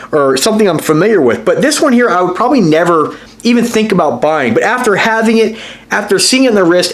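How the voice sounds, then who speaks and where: A man hosting a casual watch review vlog, talking to his viewers in an enthusiastic, rambling way with lots of fillers and restarts. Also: sits high. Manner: addresses viewers directly as guys. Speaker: watch reviewer and channel host.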